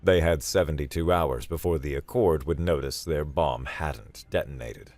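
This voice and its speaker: A male storyteller with a very deep voice reads a sci-fi tale in a dry, wry manner. The sound is close and dead, with no room around it. Soft music plays underneath. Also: moderate pace, no echo. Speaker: audiobook narrator. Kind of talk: scripted sci-fi narration.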